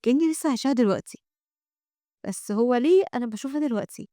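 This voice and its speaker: A woman with an Egyptian Arabic accent voicing a gentle young half-dragon girl in a manhwa recap, reading her lines softly and politely. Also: fairly high pitch, animated, rapid-fire, no room sound, clean studio sound, close to an everyday voice.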